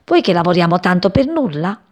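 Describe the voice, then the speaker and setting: A woman voicing a calm, caring young female sparrow who reassures softly. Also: lowish voice, brisk. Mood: soothing. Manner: soothing, whispered reassurance.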